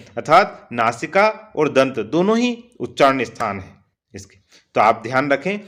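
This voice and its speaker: Man, online Sanskrit lesson, slightly high pitch, repeats "है ना". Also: a bit bright. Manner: repeats "है ना" often, recites sutras slowly. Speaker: Sanskrit teacher.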